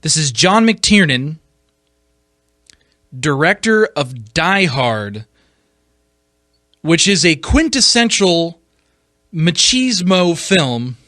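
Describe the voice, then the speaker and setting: A man with a fairly high, sharp-edged voice, recorded close and dry with no echo, hosts a podcast where he shares his views on films. He sounds emphatic and combative, repeating himself haltingly and firing off pointed rhetorical questions.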